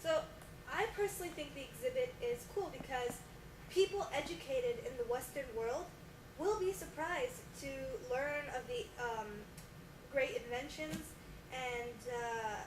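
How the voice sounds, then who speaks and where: On a homemade spoof talk show, a young woman is cast as the guest: an earnest female scientist who created an exhibit. Her voice sits high and is lightly acted while she explains things, though the recording sounds far off, echoey and full of noise.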